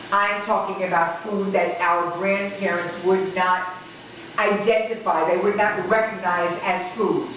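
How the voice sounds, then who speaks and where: A woman's voice: mid-range voice, fairly bright tone. A woman teaching a diet class to a live group, speaking emphatically and firing off rhetorical questions. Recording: echoey room from far off, faint noise.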